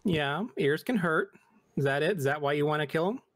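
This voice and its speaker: A man's voice: fairly high pitch, a little fast, dry recording, studio quality. A young man chatting casually as a player in a tabletop role-playing game. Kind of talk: casual in-character role-play chat.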